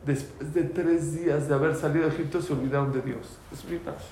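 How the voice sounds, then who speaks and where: A man's voice: a little high, fairly even intonation, fairly quick, very noisy. Man teaching a class in an echoey room. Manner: storytelling, asks the class questions, Hebrew terms. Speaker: religious teacher. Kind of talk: storytelling class lecture.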